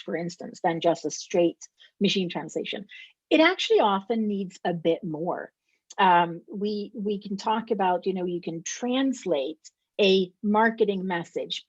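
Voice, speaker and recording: A middle-aged woman from Sweden answers interview questions, laying out her points emphatically and often checking in with "right?". Her voice sits at an ordinary pitch for a woman. The recording is dry and a little dull, like a lo-fi call. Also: a little mellow, slightly rough, no room sound. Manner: explanatory, emphatic, with repeated rhetorical "right?". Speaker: interview guest, company co-founder. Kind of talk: conversational interview.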